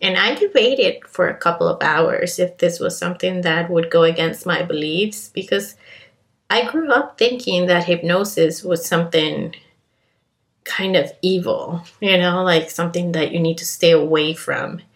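This podcast host, a Colombian woman in her thirties with a Colombian accent, talks at normal speed in a fairly low voice. She recounts her own story in a personal monologue, earnest and confiding, with fillers and restarts, picked up by a podcast microphone.

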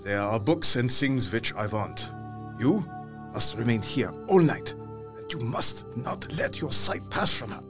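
An actor playing a grave, fatherly older professor and physician in an audio drama, speaking deliberately and emphatically in quaintly foreign phrasing. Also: mid-range voice, animated, music in the background, lightly acted. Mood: commanding, earnest.

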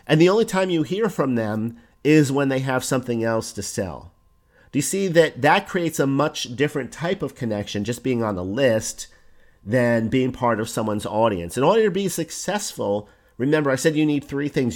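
A podcast host with a hoarse, animated voice of mid-range male pitch talks at a normal speed in a solo episode about online business. He explains his points in an easy, conversational way and leans on simple examples.

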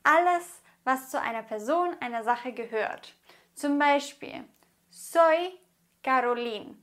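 A woman from Germany teaching a grammar lesson as a Spanish teacher, explaining slowly and deliberately and spelling out each example. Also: sits high, lively intonation, fairly bright tone.

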